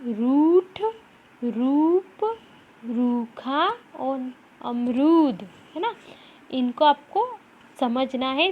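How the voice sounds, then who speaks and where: Slow high-voiced woman teaching children to read. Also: highs cut off. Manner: drawn-out syllables, repeating words aloud for children. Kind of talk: children's Hindi reading lesson.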